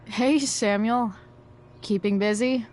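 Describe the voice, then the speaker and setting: A woman playing a wry, rebellious teenage girl in a video game, casual and sarcastic with slangy, halting phrasing. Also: fairly high pitch, steady tone, a little mellow. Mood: wry, awkward.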